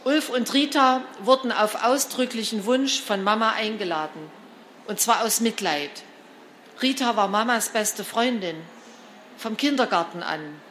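A woman narrating a children's storybook in an expressive, lively reading style. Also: fairly high pitch, a little slow, slight background noise. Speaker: storybook reader.

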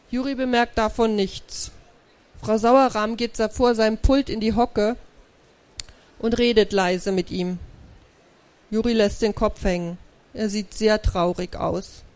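A woman's voice: medium pitch, a little mellow. Woman reading a kids' book aloud. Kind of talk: live children's book reading.

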